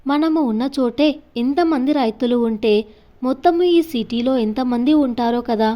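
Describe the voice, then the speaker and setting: A woman's voice: on the high side, normal speed, mellow, natural voice. A woman voicing a young male office worker and husband who talks earnestly. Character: young office-working husband, irritable then caring.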